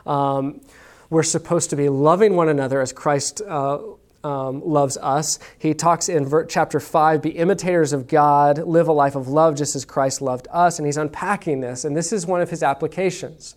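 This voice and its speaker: A man's voice: fairly high pitch, steady tone, normal speed, a little mellow. A man preaching a sermon to a congregation in a casual, conversational way, often checking in with "okay?". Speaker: pastor. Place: church room with congregation.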